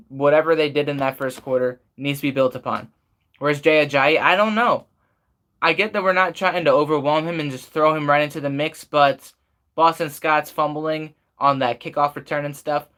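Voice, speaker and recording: A man's voice: mid-range voice, fairly bright tone. A man giving off-the-cuff live stream sports commentary as a frustrated, opinionated fan, repeating points for emphasis.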